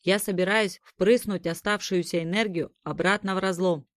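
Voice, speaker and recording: A reckless young male hero who speaks with raised, determined lines, voiced by a woman narrator. The sound is dry and close, and the base voice is on the low side. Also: fairly even intonation, normal speed, no room sound, close to an everyday voice.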